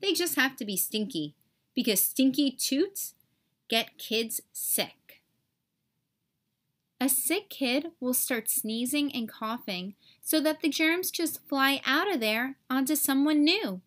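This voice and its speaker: This high-pitched female reader brings a children's story to life, speaking expressively and carefully while leaning into dramatic stresses.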